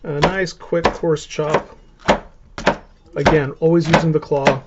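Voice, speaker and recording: A Canadian man with a fairly high pitch hosts a live cooking stream, chatting casually and explaining as he chops and preps. His delivery is flat and slow, and the dull lo-fi stream audio is very noisy.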